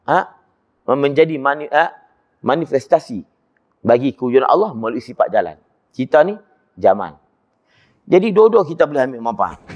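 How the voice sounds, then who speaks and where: A man with a Kedah Malay accent giving a religious lecture in a mosque, repeating phrases and asking rhetorical questions. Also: highs cut off. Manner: repetitive, rhetorical questions, animated swings in pitch. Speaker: religious teacher.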